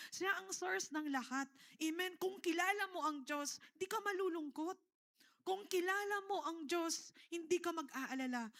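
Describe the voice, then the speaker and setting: A Filipino woman pastor preaching with a high, ringing voice. Her tone is bright and carrying, and she keeps calling out to the congregation between points. She sounds middle-aged. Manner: preaching in mixed Tagalog and English, with repeated calls to the congregation. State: tearful. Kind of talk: sermon.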